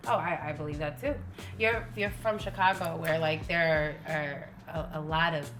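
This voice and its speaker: Interviewer, woman, supportive, with a lowish voice over background music. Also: steady tone, fairly bright tone. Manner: supportive, quick affirmations. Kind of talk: casual interview.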